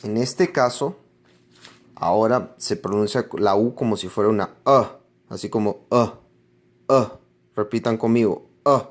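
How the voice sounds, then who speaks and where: A man's voice: lowish voice, a little slow, long pauses. A man teaching English pronunciation in a classroom-style lesson, explaining patiently and repeating each example word several times.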